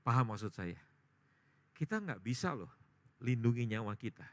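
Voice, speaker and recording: A male pastor preaching a sermon, swinging between loud emphatic peaks and quiet storytelling. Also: mid-range voice, sing-song, normal speed. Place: church service.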